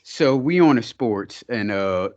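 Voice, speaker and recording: A man's voice: medium pitch, expressive, slow, dull audio. A man co-hosting a podcast in casual chat, laughing often and using loose slang. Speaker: podcast co-host.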